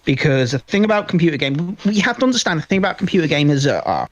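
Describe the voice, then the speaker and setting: Heard through lo-fi sound, a male podcast co-host chats about movies in a slightly high, animated voice and a quick pace. He's emphatic and opinionated, frequently repeating phrases for emphasis.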